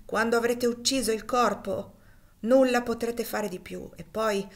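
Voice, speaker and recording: A woman's voice: fairly high pitch, measured pace, voice pushed up. A woman reading aloud and voicing a devout, steadfast enslaved man who speaks earnestly and solemnly.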